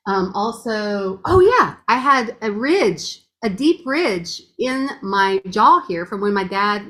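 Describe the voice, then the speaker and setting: A woman with a mid-range, slightly bright and strong voice gives a casual, gushing testimonial as a guest. She keeps things chatty and laughs often.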